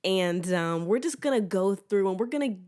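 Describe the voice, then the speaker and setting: A woman's voice: medium pitch, lively intonation, moderate pace, a little mellow. An American woman hosting a casual solo sports podcast with a swollen throat, rambling candidly in a slangy, self-deprecating way. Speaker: podcast host.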